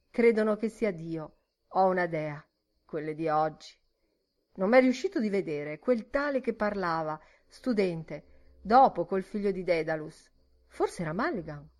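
A woman reading an audiobook voices a man's wandering inner thoughts in a quiet, musing monologue. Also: lowish voice, a little slow, natural voice.

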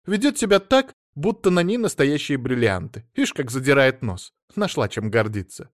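A man's voice: on the high side, sing-song, normal speed, dry recording, clean studio sound, voice pushed up. A man voicing a silly, childish, vain young wife in a pouty, wheedling voice.

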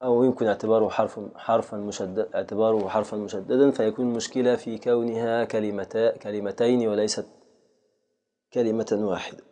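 A man with an Egyptian accent, a sheikh giving a classroom lecture on grammar and patiently repeating each example slowly. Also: on the low side, steady tone, mellow. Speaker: sheikh teaching a grammar text.

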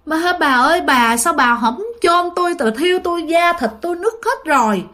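A woman's voice: extremely high pitch, expressive, moderate pace, sharp tone, voice pushed up, exaggerated voice. Woman voicing a wailing ghost of a burned father. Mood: wailing complaint. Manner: plaintive, pleading, repeating cries of heat.

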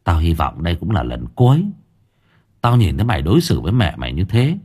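A man's voice: low-pitched, sing-song, brisk, a little mellow, slightly rough, heavily acted. A man voicing a sly, domineering young male exorcist who sweet-talks and threatens by turns. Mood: menacing. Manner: sweet-talking then threatening, teasing.

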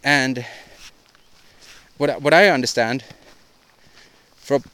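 A man's voice: medium pitch, sharp tone, smooth. Rambling man on a solo podcast. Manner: halting, rambling, frequent restarts and repeated words; opinionated, ranting delivery. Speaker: podcast host.

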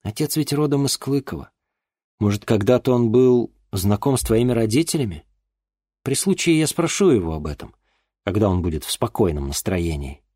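A man's voice: sing-song, normal speed, slightly rough, dry recording, studio quality. A man voicing a headstrong teenage girl who argues back at her strict father in an audiobook. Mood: apologetic. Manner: high, sharp and indignant. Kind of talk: audiobook character voice.

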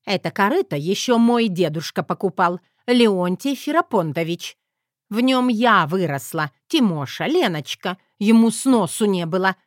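A woman voicing a fiery little grandmother who scolds in a loud, folksy manner. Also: medium pitch, expressive, a little slow, no room sound, studio quality, lightly acted. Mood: scolding.

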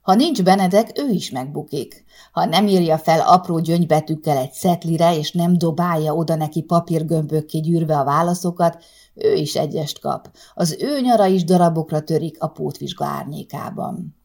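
Calm woman reading a short story aloud, low voice, measured. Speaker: audiobook narrator. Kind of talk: scripted storybook narration.

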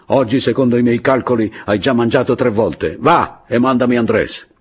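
A man's voice: mid-range voice, moderate pace, pitched above the performer's own voice, close to an everyday voice. A man putting on a fierce, bossy peasant woman. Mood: scolding. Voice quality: husky. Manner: scolding, blunt, commanding.

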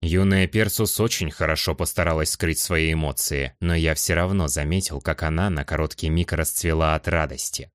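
A man reading a fantasy audiobook in calm, measured first-person narration. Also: very deep voice, dry recording, studio quality.

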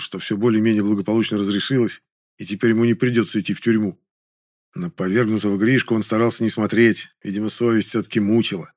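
A man's voice: fairly low pitch, darkish tone. A man reading a first-person audiobook story aloud, with a dry, ironic manner. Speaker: narrator.

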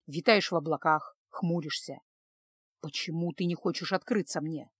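A woman voicing a loving middle-aged husband, speaking low, soft and coaxing in an audiobook. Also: normal speed, slightly rough, no echo, studio quality. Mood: soft insistent. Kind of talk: audiobook character voice.

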